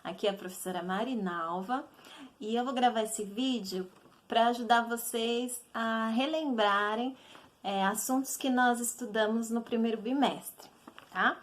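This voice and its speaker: A woman's voice: on the high side, measured pace. A woman teacher with a Brazilian Portuguese accent, patiently explaining a recorded lesson to children and checking in often.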